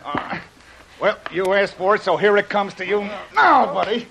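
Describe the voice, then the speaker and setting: A man's voice: high voice, expressive, normal speed, vocal fry. A man playing a gallant, tough, plain-spoken adventurer with dry wit in 1940s radio drama. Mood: fighting mad. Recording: noisy old 1940s radio recording.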